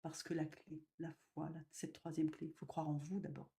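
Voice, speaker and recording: A woman medium giving a spiritual live talk, gentle and slow, with sudden loud emphasis and soft drops. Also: low voice, level tone, gravelly.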